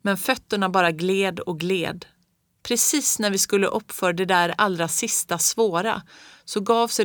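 Bright, dry storybook narrator. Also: medium pitch, no echo. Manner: first-person narration as a child looking back. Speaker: audiobook reader. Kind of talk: storytelling narration of a children's book.

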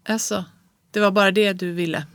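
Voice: medium pitch, steady tone, fairly bright tone, no echo, natural voice. A reader voicing a sick woman who answers her husband tersely and tiredly, in an audiobook of classic prose. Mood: weary. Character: ill, weary woman, cold toward husband.

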